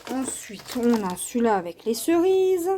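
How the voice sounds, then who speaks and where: A woman from France hosting a casual craft vlog, taking her time over each item. Her voice sits a bit high but sounds soft and mellow. She hesitates often, filling gaps with small fillers as she goes. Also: sing-song, slight background noise. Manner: unhurried, hesitant with many fillers. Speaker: craft channel host. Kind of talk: casual show-and-tell vlog.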